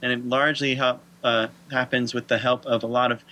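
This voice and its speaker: Bright-voiced man walking through a chart. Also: medium pitch, flat delivery, fairly quick. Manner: walks through material step by step, lightly joking. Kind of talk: casual explanatory chat.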